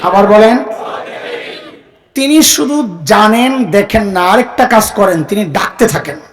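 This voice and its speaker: A man with a high voice delivers a sermon in a plain, everyday way. He keeps asking the listeners to call answers back to him. Now and then he raises his voice to a shout to drive a point home. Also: lively intonation, a little slow, poor audio. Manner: call-and-response, has the crowd repeat phrases; rises to shouting for emphasis. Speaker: preacher. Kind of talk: Islamic sermon to a live audience.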